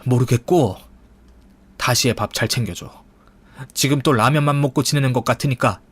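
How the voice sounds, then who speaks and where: A man's voice: mid-range voice, moderate pace, a bit bright, breathy edge. A man voicing a demanding, whiny middle-aged mother-in-law who complains and sighs. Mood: nagging. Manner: complaining, sighing.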